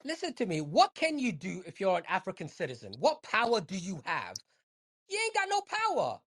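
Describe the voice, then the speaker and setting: A woman's voice: mid-range voice, wildly swooping pitch, fairly quick, breathy edge. A woman in casual podcast chat, emphatic and profane, repeating her points to drive them home.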